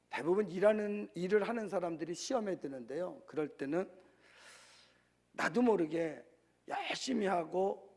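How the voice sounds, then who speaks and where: A male pastor delivers a sermon, chatting with his congregation and asking them questions. His voice sits high and has a gravelly edge. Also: a little mellow. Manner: conversational preaching with rhetorical questions to the congregation.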